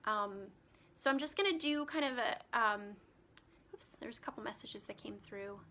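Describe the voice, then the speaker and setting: Hosting a live stream as a spiritual healer, a woman chats casually, filling her speech with ums while reading out card meanings. Her fairly high voice has a sharp tone and a moderate pace, and it's getting scratchy.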